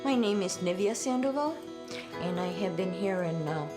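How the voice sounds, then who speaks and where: A woman's voice: medium pitch, expressive. Woman from Guatemala, resident interviewee, hesitant delivery over background music. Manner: halting, with fillers. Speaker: longtime public housing resident. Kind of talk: documentary interview.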